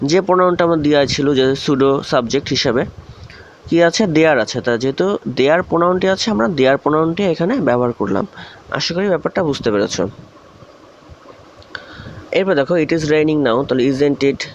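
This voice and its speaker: Guy from bangladesh teaching english grammar, kinda high voice, dull lo-fi sound w/ a bit of hiss. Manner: asks questions then answers them himself. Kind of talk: recorded video lesson. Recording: dull lo-fi recording with faint hiss.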